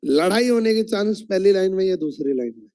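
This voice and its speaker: A man's voice: sits high, expressive, a little fast, darkish tone, clear, resonant tone. A man running an online training meeting, explaining his point in an instructive way and asking the audience questions.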